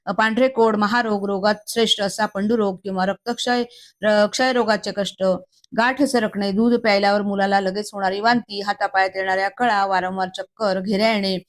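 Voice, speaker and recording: A woman reads a devotional text aloud at an even, measured rate. Her voice sits in an ordinary middle register. She works through a long list with small slips and restarts. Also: mid-range voice. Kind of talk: reading a Marathi scripture commentary aloud.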